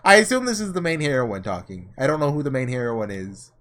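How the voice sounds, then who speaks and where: A man with a mid-range, fairly bright voice does casual let's-play commentary on a visual novel, thinking aloud and reading dialogue over background music. He's very animated and talks a little fast.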